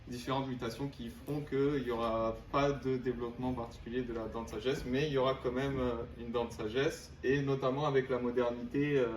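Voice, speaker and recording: A young man giving an explanatory student presentation, haltingly searching for words. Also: mid-range voice. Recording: roomy, distant mic, faint noise.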